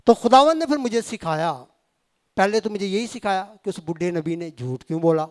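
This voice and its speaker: A man's voice: high voice, animated. A man from Pakistan, an evangelist preaching a sermon to his congregation in a church fellowship hall and slipping English and words into his talk. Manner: mixes Punjabi and English words into Urdu, addresses the congregation directly.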